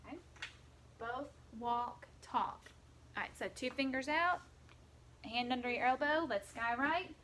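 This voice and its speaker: A woman's voice: sits high, measured pace, pauses often, a bit bright, a little hiss or hum. A woman teaching a phonics lesson to young children, patiently stretching out the sounds of words.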